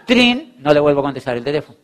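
A man with a slightly high voice talks fast in a motivational speech on network marketing, acting out both sides of dialogues as he tells animated, teasing stories.

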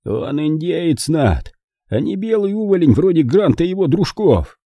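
A man's voice: fairly high pitch, very animated, warm tone, dry recording, pitched above the performer's own voice. A man voicing a dying older frontiersman uncle who speaks weakly and grimly, coughing between words. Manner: weak, halting, grim.

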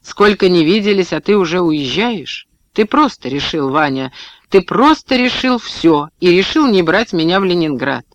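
A man's voice: high-pitched, lively intonation, normal speed, no echo, muffled recording. A man reading a bitter, cutting young wife. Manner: cold, cutting retorts.

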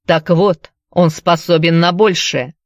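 A woman's voice: fairly low pitch, fairly even intonation, slow, no room sound, clean studio sound. A woman reading a story aloud, voicing a young male tavern keeper who speaks in a curt, defensive way. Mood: irritated.

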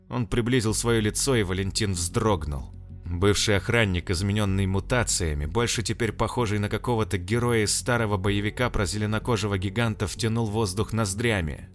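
A man reading an audiobook, expressive, acting out the dialogue. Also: lowish voice. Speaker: narrator. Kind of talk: audiobook narration.

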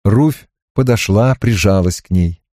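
A man narrating a novel as an audiobook in an expressive, measured reading. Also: fairly low pitch, dry recording, studio quality.

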